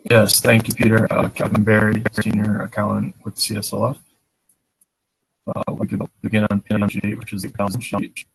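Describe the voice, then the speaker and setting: A man presenting a financial report in a meeting over a choppy video call that keeps breaking up. He speaks in a measured way, with frequent "uh" fillers. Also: on the low side, completely flat delivery, creaky, slightly rough, low-quality recording. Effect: choppy, breaking-up video call audio. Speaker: senior accountant. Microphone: remote computer microphone on a video call.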